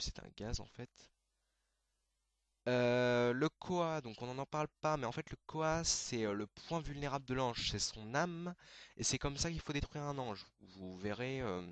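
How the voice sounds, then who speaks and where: A man hosting a casual anime video, explaining terms in a hesitant way, full of fillers and quick self-corrections. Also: mid-range voice, clear, resonant tone, dry recording.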